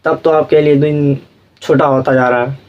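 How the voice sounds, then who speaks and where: Young guy teaching class, a bit high voice, keeps going "samjhe?", acts out the kids and parents he's talking about. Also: fairly even intonation, moderate pace, lo-fi sound. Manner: asks "samjhe?" after nearly every point. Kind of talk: classroom lecture.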